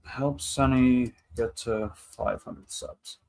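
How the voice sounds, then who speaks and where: Gravelly and darkish, a thirty-year-old man's mid-range voice keeps a steady tone and slow pace as he hosts a casual livestream. He rambles in upbeat banter, reading and responding to viewer comments.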